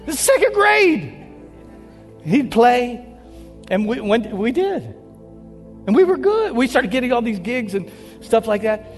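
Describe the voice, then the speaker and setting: A man preaching a sermon, an animated storyteller who jokes with his listeners. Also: extremely high pitch, unhurried. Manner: animated storyteller, joking with the crowd. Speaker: pastor. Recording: long hall reverb with faint music.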